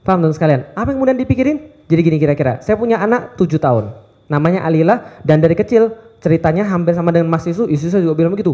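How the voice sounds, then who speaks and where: A man in his thirties preaching to a live audience in a lively, playful way, firing off rhetorical questions. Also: fairly high pitch, highs cut off. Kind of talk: lively youth sermon. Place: event hall with live audience.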